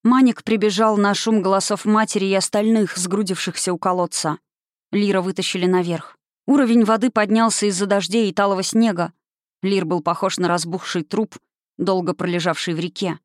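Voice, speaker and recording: Brief: steady novel narrator, mid pitch, dry close recording. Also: brisk, dry recording. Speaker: audiobook narrator. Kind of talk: scripted fantasy novel narration.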